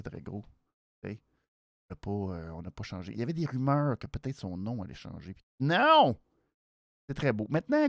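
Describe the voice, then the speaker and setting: A host with a nasal voice and a Quebec French accent gives a casual show recap, halting and repeating words for emphasis. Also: medium pitch, no echo, studio quality. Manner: animated, hesitant, halting phrases with repeats for emphasis. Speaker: wrestling show review host.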